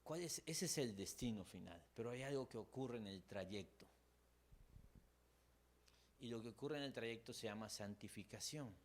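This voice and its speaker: A man's voice: medium pitch, animated, normal speed, pauses often, a little hiss or hum. A man with a Mexican accent preaching a sermon as a pastor, emotive, acting out the struggles of his listeners.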